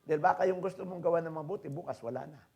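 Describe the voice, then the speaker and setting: A man preaching a sermon as pastor, swinging between soft asides and loud exhortations, often checking in with the congregation and mixing in English phrases. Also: fairly high pitch, rapid-fire, gravelly. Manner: frequent tag questions to the congregation; mixes English phrases into his talk.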